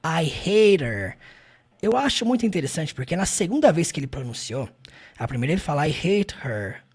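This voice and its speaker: An English teacher with a Brazilian Portuguese accent, explaining film clips and repeating phrases slowly with frequent tag questions. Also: mid-range voice, big pitch swings, breathy edge.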